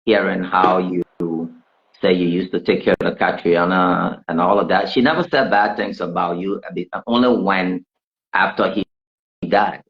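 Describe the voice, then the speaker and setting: A man with a low voice conducts an interview, pressing his guest with challenges. He interrupts to push his point. The recording sounds dull and lo-fi. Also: steady tone, unhurried. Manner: challenging, jumps in with follow-up questions. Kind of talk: probing interview questions. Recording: dull lo-fi audio.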